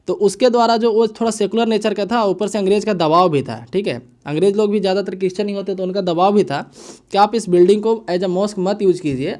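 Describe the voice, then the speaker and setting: A man with a high but mellow voice walks through the day's news like a teacher at a whiteboard. He talks casually and repeats himself, tossing in little checks to his listeners, and he slows down to read English phrases haltingly. He comes across as an explainer, not a presenter. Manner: casual, repetitive, frequent "है ना" and "ठीक है" checks; mixes English phrases into Hindi, reads headlines haltingly. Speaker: current affairs teacher. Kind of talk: explaining news analysis to students.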